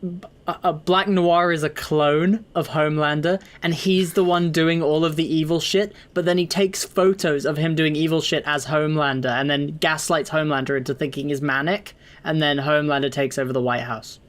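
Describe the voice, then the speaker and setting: Opinionated young man, slightly high voice. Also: fairly even intonation. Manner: opinionated, swears casually, quick asides. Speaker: podcast co-host. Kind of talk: casual chat.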